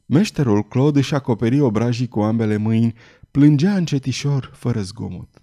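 A man narrating a novel as an audiobook in a measured, dramatic storytelling manner. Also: medium pitch, expressive, warm tone.

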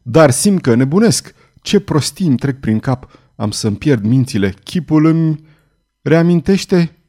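A hulking executioner, tormented and volatile, voiced by a man reading aloud. His voice is dark and mellow, breaking from shaky murmurs into raw cries. An audiobook character voice. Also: medium pitch, lively intonation, natural voice. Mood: frantic, howling. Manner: swings between trembling murmurs and anguished shouts.

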